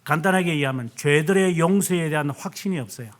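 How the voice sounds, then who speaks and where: A South Korean male pastor preaches a sermon with a voice on the high side at a quick pace, dramatically retelling scripture and acting out the quoted lines.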